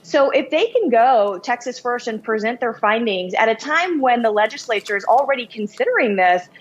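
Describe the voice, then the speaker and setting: A woman working as a news correspondent, delivering a scripted report in a brisk, upbeat manner. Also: on the high side, lively intonation, highs cut off, a little hiss or hum.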